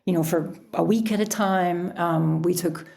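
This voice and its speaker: A woman's voice: on the low side, steady tone, a little slow, vocal fry, a little mellow. A woman talking casually and reflectively as a guest in an interview. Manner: reflective, chuckles often while talking. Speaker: podcast guest, author and sailor.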